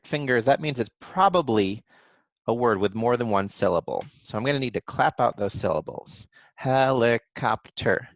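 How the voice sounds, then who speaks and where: A man models writing for young children, stretching out sounds and syllables as he goes. His voice has a gravelly edge and rises and falls a lot. The sound is dry and close. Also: mid-range voice, dry recording. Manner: slow, sounds out letters and syllables aloud; thinks aloud in a gentle encouraging way. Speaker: kindergarten teacher.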